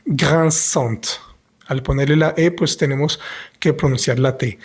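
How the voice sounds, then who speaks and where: Man, language teacher, patient slow explanations, breathy husky tone, mid pitch. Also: steady tone. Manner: patient, explains slowly with pauses. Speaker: French teacher. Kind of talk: language lesson reading and translating.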